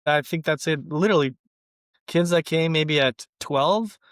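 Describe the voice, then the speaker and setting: Born in Lithuania and raised in Russia and the American Midwest, this middle-aged interview guest, a company president who first spoke Yiddish, now talks casually with an American accent. He speaks a little slowly in a slightly high voice. The studio recording is clean, with no room sound.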